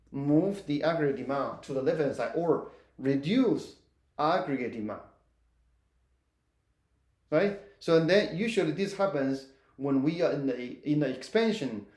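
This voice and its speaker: Guy teaching an econ class, kinda high voice, lots of "right?", echoey room. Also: darkish tone. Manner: checks in with frequent "right?", restarts mid-phrase. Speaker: economics lecturer. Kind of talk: recorded lecture.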